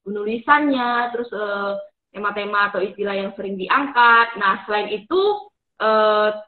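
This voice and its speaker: A woman hosting an online Bible study, addressing viewers politely with some hesitant pauses. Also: medium pitch, phone-quality sound. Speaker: host. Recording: roomy, echoing sound.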